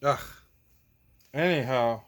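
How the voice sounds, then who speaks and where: Speaking slowly at a medium pitch with a touch of brightness, this man is a teacher and children's show host. He shows toys to kids in a relaxed, playful chat, hamming it up with goofy theatrics and silly outbursts.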